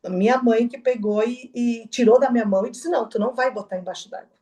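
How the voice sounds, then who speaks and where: Middle-aged woman, interview guest; mellow, faintly high voice, halting testimony. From southern Brazil. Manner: halting, soft-spoken, with restarts and quoted dialogue. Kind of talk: personal testimony.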